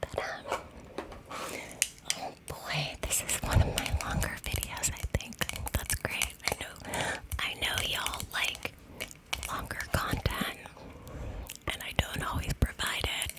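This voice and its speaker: A woman whispering a breathy, affectionate ASMR ramble intimately, close to the mic, ear to ear. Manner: affectionate, intimate addressing of listeners. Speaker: ASMR video host. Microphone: close ear-to-ear ASMR microphone.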